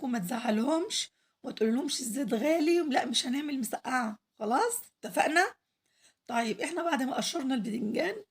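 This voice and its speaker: A woman with an Egyptian Arabic accent, hoarse from losing her voice, chatting to viewers as she cooks on her home cooking vlog. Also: sits high. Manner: chatty, addresses viewers directly, pleads for likes. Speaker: cooking channel host.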